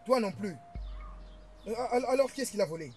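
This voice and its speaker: A man's voice: high voice, animated, a little fast, soft background music. A man playing a father who accuses his daughters of stealing his money, exasperated and sputtering, in a French-dubbed film. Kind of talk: Nollywood film dub in French.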